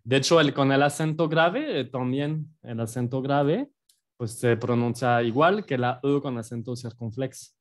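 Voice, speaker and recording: A man's voice: medium pitch, a little slow. A French man with a French accent teaching a language lesson in a playful, self-deprecating way, explaining with examples.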